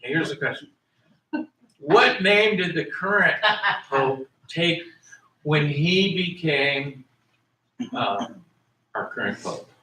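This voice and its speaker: A man's voice: fairly high pitch, animated, slow pace, long pauses, pushed and bright, echoey room. A man teaching a class in a conversational way, asking his students questions and repeating key words, recorded in a classroom from far off. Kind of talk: classroom lecture.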